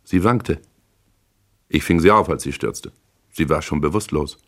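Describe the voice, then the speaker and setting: Deep-voiced man narrating a hard-boiled crime novel. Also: measured pace, fairly bright tone. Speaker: audiobook narrator.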